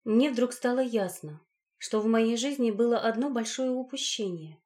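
A woman's voice: a little high, normal speed, dark tone. A woman narrating a first-person story as an audiobook, reading expressively.

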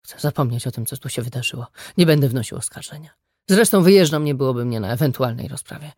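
A reader voicing a grieving adult son who speaks dully, with little emotion left in him, in an audiobook. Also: male voice, medium pitch, fast, a little mellow, no room sound, studio quality, voice pushed down, natural voice. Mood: hollow. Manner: dull, emotionless delivery.

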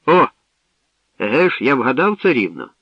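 A man's voice: mid-range voice, sing-song, moderate pace, dry recording, far from the mic, lo-fi sound, pitched above the performer's own voice. A man voicing a fat, smug, boastful voivode with a pompous, chuckling manner.

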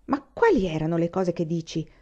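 A grave, restrained young man, as a woman reader gives him voice, answering briefly and calmly. The recording sounds slightly dull and lo-fi. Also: on the low side, brisk.

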